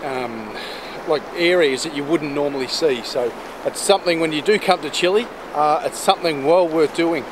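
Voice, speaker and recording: A man giving casual, hesitant vlog narration as host of an outdoor fishing trip, out on a river. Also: a little high. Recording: clear outdoor river noise. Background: rushing water and boat sounds.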